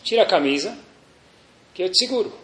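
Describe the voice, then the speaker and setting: A man voicing God as a calm, easygoing male figure who speaks in a relaxed, reassuring way. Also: high voice, brisk. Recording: echoey room.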